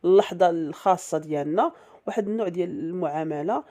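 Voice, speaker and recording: A woman's voice: on the low side, fast, dark tone, lightly acted. A woman with a Moroccan accent quoting a scheming young wife who coaxes and pleads in a repetitive way. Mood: coaxing.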